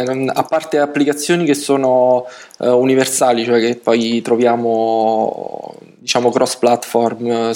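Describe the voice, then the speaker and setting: A man speaking on a relaxed tech podcast in a mid-range voice. He pauses often, restarts his sentences and leans on fillers as he works out his thoughts. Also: mid-range voice. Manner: hesitant, many restarts and fillers. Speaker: podcast guest. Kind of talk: casual tech podcast chat.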